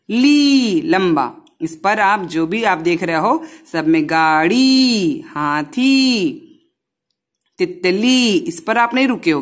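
A woman teaching a Hindi lesson to young children, patiently sounding out words syllable by syllable and often checking whether they follow. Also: fairly low pitch.

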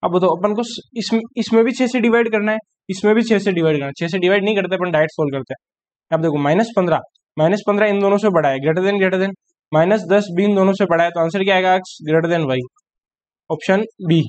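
A man's voice: sits high, darkish tone. A man teaching an exam-prep math lesson, working sums aloud and often checking whether students follow. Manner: quick mental arithmetic aloud, frequent checking questions. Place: online class recording.

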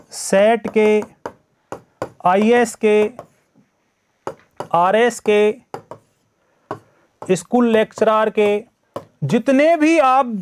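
High-voiced male teacher, chatty live lecture. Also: a little hiss or hum. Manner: chatty, greets viewers by name; acts out students' excuses in first person. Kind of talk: live online exam-prep lecture.

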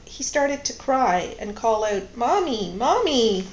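A woman's voice: mid-range voice, unhurried, lightly acted. A woman reading a novel aloud, voicing a restrained, grieving woman character in an echoey, slightly dull recording. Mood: restrained, sorrowful. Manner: quiet, restrained, tearful at times. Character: grieving, composed woman in her thirties. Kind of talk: audiobook-style read-aloud dialogue.

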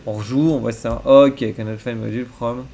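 Male streamer, gravelly voice, casual and self-mocking while coding. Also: mid-range voice, fairly even intonation, normal speed, dark tone, a little hiss or hum. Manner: mutters to himself, casual and self-deprecating. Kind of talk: live coding, thinking aloud. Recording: faint keyboard typing behind.

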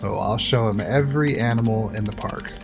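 A voice actor performs in a fan audio drama as a blunt, confident park engineer explaining the control room. His delivery is brisk and matter-of-fact with a bit of cursing, in a low voice with vocal fry over music.

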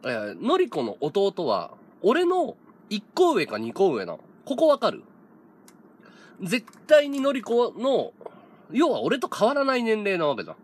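Man in his thirties, casual stream talk, slightly high, very lively pitch, laughs a lot. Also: unhurried. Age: 30s. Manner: animated, laughing often, mimics others' lines. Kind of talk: casual chat stream storytelling.

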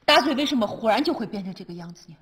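An actress playing a brash young woman working at an inn in a sitcom, answering with blunt, quick retorts. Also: a little high, lively intonation, slight background noise, close to an everyday voice. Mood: reassuring. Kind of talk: sitcom acting.

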